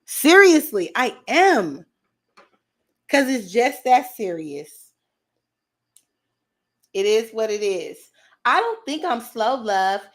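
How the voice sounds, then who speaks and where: A high-voiced woman talks straight to her livestream chat, brash and profane. Her tone is confrontational and unfiltered. She fires back at comments in a casual, streetwise way. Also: sing-song, slow, pauses often. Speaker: livestream host.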